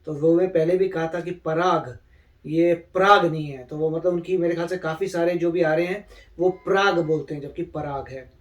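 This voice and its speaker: A man with a fairly high voice co-hosts a reaction video in casual chat. He corrects small details in a calm, measured way. He sits a little back from the microphone. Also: far from the mic, dull audio, soft background music.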